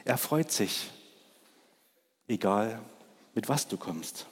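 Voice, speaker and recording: A man's voice: on the low side, expressive, takes it slowly, slightly rough. A man in his thirties preaching a Christmas sermon, asking the congregation questions. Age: 30s. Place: large church. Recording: long church reverb.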